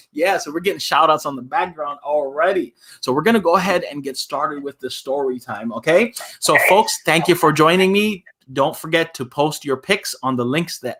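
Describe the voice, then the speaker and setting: Leading a live story time for children, this imam chats in a playful, folksy, teacherly manner, often asking "okay?" to check in. His voice is fairly high-pitched, bright, and pushed.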